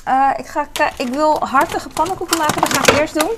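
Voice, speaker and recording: A woman's voice: high voice, a little fast. Chatty woman cooking in a noisy kitchen. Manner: rambling, self-mocking, many fillers, mixes in English phrases. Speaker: vlogger. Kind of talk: casual cooking vlog chat. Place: home kitchen.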